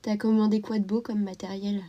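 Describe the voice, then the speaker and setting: Colouring at home, a young woman runs a relaxed live stream, greeting viewers by name and chatting despite a cold that leaves her sniffly and congested. She speaks fairly quickly in a level, medium-pitched voice, and the audio sounds dull.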